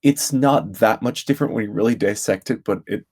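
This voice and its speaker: A man with a husky voice chatting casually as a voice-actor guest, rambling through fillers and laughing often. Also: fairly low pitch, fairly quick, a little mellow. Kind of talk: casual podcast chat.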